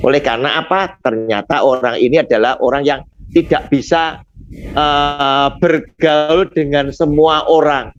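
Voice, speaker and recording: A man's voice: on the high side, a little hiss or hum. Man teaching Bible study, dull lo-fi sound. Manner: explanatory, asks rhetorical questions and answers them; often addresses the listener as sir. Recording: dull lo-fi recording.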